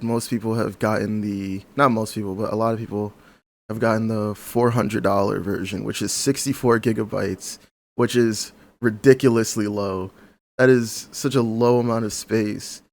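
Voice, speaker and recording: Gravelly low-voiced young man chatting. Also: steady tone. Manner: quick, swearing, enthusiastic tech talk. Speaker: podcast guest. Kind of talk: casual chat.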